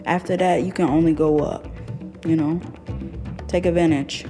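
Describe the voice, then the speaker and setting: Young woman interviewee, low-pitched, candid and slangy, faint music bed. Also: fairly even intonation, moderate pace. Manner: candid, casual slang, frequent laughs. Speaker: interviewee sharing her story.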